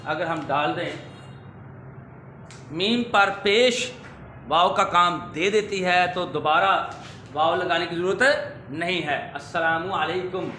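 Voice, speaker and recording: Man, teacher, high voice, slow deliberate delivery, echoey room, faint background hum. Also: bright, forceful tone. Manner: slow, drawn-out repetition of words; quizzing questions rising at the end. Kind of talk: pronunciation lesson for children.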